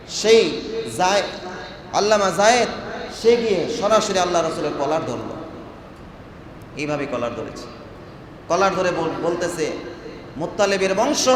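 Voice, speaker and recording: High-voiced preacher in echoing hall. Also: male voice. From Bangladesh. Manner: dramatic storytelling, acting out quoted dialogue with swelling intensity. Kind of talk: Bangla waz sermon storytelling. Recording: echoey hall with crowd behind.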